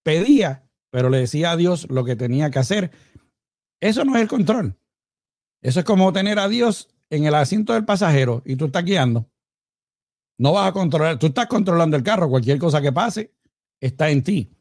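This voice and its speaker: A man giving an informal, conversational sermon, talking to a co-host and slowing down to read scripture. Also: on the high side, lively intonation, darkish tone, dry recording, clean studio sound. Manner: conversational, addresses co-host by name; reads scripture slowly and deliberately. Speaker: preacher.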